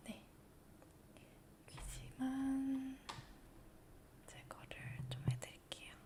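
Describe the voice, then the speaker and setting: A woman whispering softly through an ASMR doctor checkup roleplay, gentle, reassuring and patient. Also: sits high, completely flat delivery, extremely slow. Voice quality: soft whisper.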